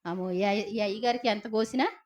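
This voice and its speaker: A woman's voice: medium pitch, fairly quick, darkish tone. A middle-aged woman preaching a sermon in a chatty, storytelling way, often asking her listeners questions. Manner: conversational preaching with rhetorical questions and tag questions.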